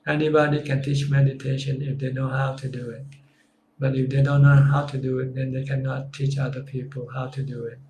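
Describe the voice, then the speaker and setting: Male Buddhist teacher, even and unvarying tone, live Q&A answers, roomy echo. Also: mid-range voice, fairly quick, noisy background. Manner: calm, simple, plain-spoken answers. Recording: echoey room.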